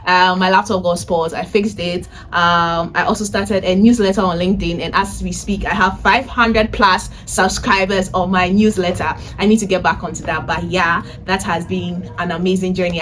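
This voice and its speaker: Speaking to her viewers in a chatty vlog, this twenties-aged woman has a lowish voice with a faint hiss or hum in the recording. She teaches data analytics and vlogs, here catching people up on personal news from an indoor room of a family house, frequently checking in with "right?"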